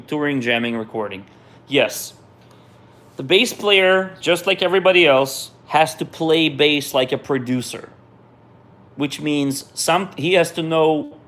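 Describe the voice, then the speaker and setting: Hosting a viewer Q&A, a middle-aged Israeli musician with Russian as his native tongue reads out the questions and replies casually, often stopping partway and starting again. His voice is mid-range.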